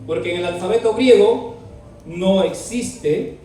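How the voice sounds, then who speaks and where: A man's voice: high voice, measured pace, warm tone. A man teaching a Bible class, asking his students questions and spelling words out letter by letter. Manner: asks the class questions often. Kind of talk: classroom lesson with dictation. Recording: very echoey room, mic far off, faint music.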